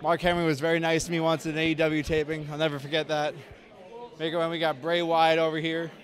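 This fast-talking host, a man in his thirties, has a voice on the high side and a flat delivery. Holding a handheld mic, he leads a casual, joking, self-deprecating walking tour of a large convention hall indoors.

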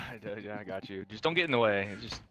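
A man's voice: lowish voice, lively intonation, normal speed, bright, forceful tone, faint music behind. A young man gaming with friends, trading crude, joking banter over a headset mic. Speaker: gamer. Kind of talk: casual gaming chat. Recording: slightly dull voice-chat mic.

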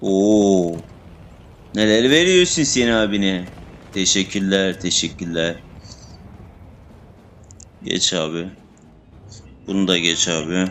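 A young man commenting casually on his shooter gameplay, excitable and swearing, talking to his teammates and enemies. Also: lowish voice. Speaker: gamer playing a shooter. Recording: game gunfire under the voice. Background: gunfire and game sound effects.

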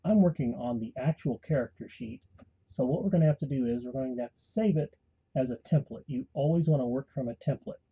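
A man calmly giving a step-by-step voice-over tutorial for a tabletop game tool. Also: medium pitch, fairly quick, slightly rough, highs cut off. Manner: calm step-by-step instruction. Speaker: tutorial host and game master. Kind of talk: screen-recorded software tutorial.

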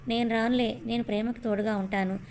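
A woman voicing an eager, excitable young male college student. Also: on the high side, fairly quick, a little hiss or hum, lightly acted.

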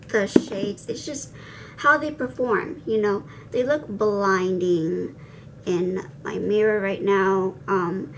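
A woman's voice: mid-range voice, a little hiss or hum, poor audio. A young adult woman chatting casually through a makeup tutorial, saying r like w, with playful, self-deprecating, slangy asides. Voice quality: soft r sounds, r said like w. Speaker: makeup vlogger. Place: indoor room with cloth backdrop, seated before camera.

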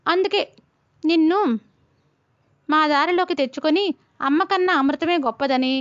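A woman's voice: high-pitched, moderate pace, a bit bright, no echo. A woman voicing a proud, immortal male king of the gods in a storybook tale, speaking in a lofty, firm way. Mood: haughty. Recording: dull lo-fi recording.

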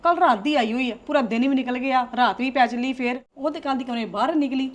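A woman's voice: high-pitched, quick pace, natural voice. A woman playing a whiny complaining housewife.

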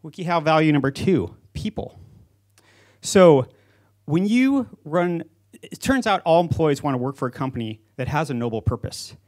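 The speaker, a company founder in his forties, stands on stage in an auditorium with a seated crowd and gives a prepared conference speech through a handheld microphone. His pitch is fairly high and his tone darkish, and he talks expressively at a moderate pace.

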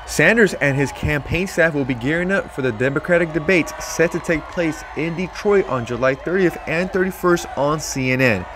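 A man's voice: fairly high pitch, normal speed, hardly any pauses, music in the background. A young man reading a scripted news report as a reporter.

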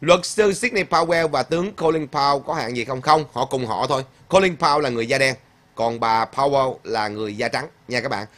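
Bright, emphatic male livestream host. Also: mid-range voice, a little fast. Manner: emphatic, repeats points, many fillers. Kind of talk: casual livestream chat, reading viewer comments aloud.

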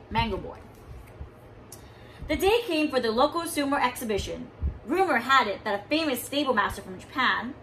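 A woman teacher reading a picture book aloud to young children, expressive and stopping to explain words. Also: on the high side, slight background noise, low-quality recording. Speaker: kindergarten teacher.

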